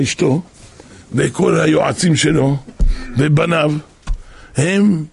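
A man preaching a religious story in a dramatic way, acting out voices and breaking into shouts, with a very husky, gravelly voice. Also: fairly high pitch, no room sound. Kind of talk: animated storytelling sermon.

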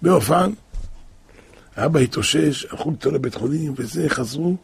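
A man with a fairly high voice tells a story, gravelly and deeply husky in tone. He speaks emotively and pushes harder as the tale reaches its dramatic points. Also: animated. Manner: emotive, grows louder and more intense at dramatic points. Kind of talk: spoken storytelling.

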